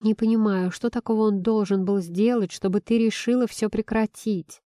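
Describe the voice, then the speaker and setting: A woman's voice: mid-range voice, steady tone, normal speed, dark tone, no echo, clean studio sound, close to an everyday voice. A woman reading the part of an anxious young woman, a best friend who pleads on the edge of tears. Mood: tearful, begging.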